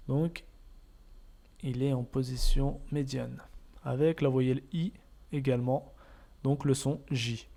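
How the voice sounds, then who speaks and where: Male teacher, slow patient delivery, mellow dark tone, walks learners through each example. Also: mid-range voice. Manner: patient, repeats each point, models sounds. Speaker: Arabic reading teacher. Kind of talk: step-by-step lesson narration.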